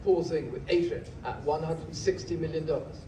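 A man's fairly high voice rings through a crowded auction hall as he calls bids with rhythmic, measured steadiness at the podium mic. Captured from the audience by a phone, the recording is distant and echoey, with a noisy background of room ambience.

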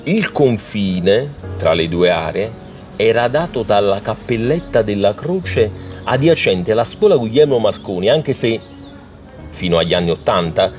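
A man narrating a documentary in an explanatory, storytelling way. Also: on the low side. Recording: music playing behind.

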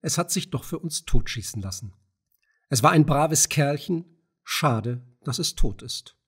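A nervous, self-pitying gatekeeper, put on by a male audiobook reader speaks in rushed, sighing phrases. The voice is husky and sits rather high. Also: lively intonation. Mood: bitter, fearful. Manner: fearful, hasty, sighing.

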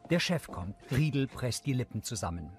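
A man reading scripted audio description in an even, matter-of-fact way, with music underneath. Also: mid-range voice, moderate pace.

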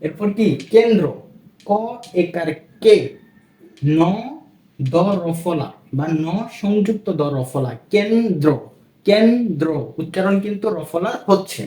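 A man with a high voice leads a classroom-style lesson, spelling words letter by letter and repeating them in a patient drill. He keeps asking rhetorical questions, and the room gives his voice a roomy echo. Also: animated, slow pace, dark tone. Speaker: Bengali language teacher.

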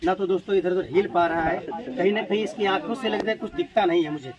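In dull-sounding audio, a man from India speaks fast in a high, steady voice while rescuing snakes in a village, narrating for the camera. He calls his viewers friends over and over, and as a noisy crowd of villagers talks around him, he urgently pleads when they threaten the snake.

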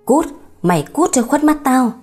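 A woman's voice: medium pitch, expressive, normal speed, warm tone, soft background music, lightly acted. A woman voicing a stern old father in an audiobook story, blunt and scolding. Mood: angry.

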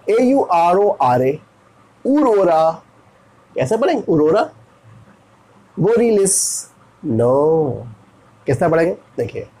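Animated Indian man teaching pronunciation. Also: on the high side, husky, rough recording. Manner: animated, asks and answers his own questions. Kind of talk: explaining lesson.

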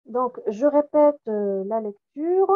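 Slow-spoken woman teaching recitation, tinny audio. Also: on the high side, animated. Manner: slow and careful, repeating each word for contrast. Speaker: Quran recitation trainer. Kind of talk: explaining pronunciation with recited examples.

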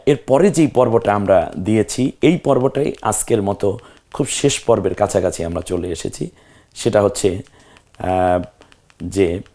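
A patient male Quran teacher with a fairly low voice and a Bangladeshi Bengali accent. He leads a step-by-step lesson on Arabic letters, repeating the letter names in slow drills and encouraging the viewer as he goes. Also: a little mellow. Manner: speaks directly to viewer, frequent religious phrases.

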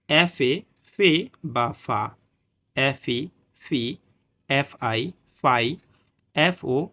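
A man's voice: medium pitch, fairly bright tone. A man teaching English reading, patiently spelling out letter pairs and their sounds one by one, often checking in with the listener. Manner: frequent "ঠিক আছে" check-ins. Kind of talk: spoken phonics lesson.

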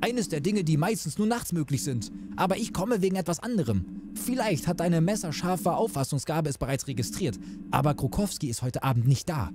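A man's voice: on the high side, a little fast, pitched above the performer's own voice. Man doing a sarcastic night nurse. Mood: wry. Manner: wry, deadpan grumbling. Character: dry, sarcastic male night-shift nurse.

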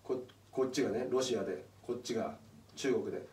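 With a medium-pitched, slightly mellow voice and a somewhat fast pace, a male channel host talks casually through an explanation one step at a time. He points things out on a chart as he goes, recorded from a distance in an echoey room.

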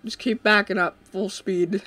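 This young male host's voice sits high, and he speaks a little slowly while running a co-op gaming session at his desk mic. He's excitable and full of jokes, letting sentences trail off into fillers during the casual gameplay banter.

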